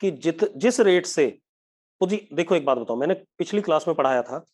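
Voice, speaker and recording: A male physics teacher runs a live online class and speaks with a fairly high voice. He mixes English terms into his Hindi, slows right down to dictate definitions, and keeps asking the students whether it is clear. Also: animated, darkish tone.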